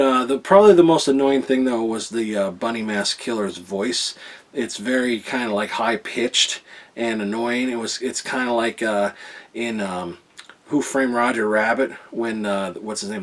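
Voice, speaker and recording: Rambling, upbeat man reviewing a movie. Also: mid-range voice. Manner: rambling, full of fillers and restarts; enthusiastic, keeps repeating himself. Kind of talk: casual video review.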